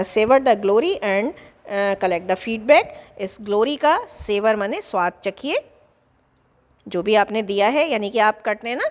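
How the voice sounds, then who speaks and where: A woman teaching an exam-prep lecture, reading English phrases slowly and explaining each one in Hindi. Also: mid-range voice. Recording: room with long reverb.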